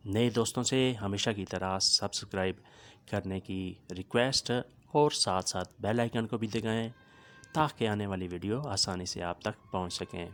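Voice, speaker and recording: Patient man teaching phrases slowly, low voice. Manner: patient, repeats each phrase and explains it word by word. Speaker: language teacher. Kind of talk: language lesson, repeating phrases slowly.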